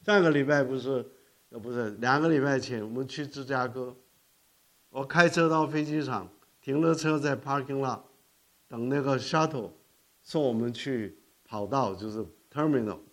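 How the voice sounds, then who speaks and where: An older man, raised in Korea, preaching an animated sermon full of stories, often correcting himself and dropping English words. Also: mid-range voice, moderate pace. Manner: animated storytelling with frequent self-corrections and code-switching to English. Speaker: pastor.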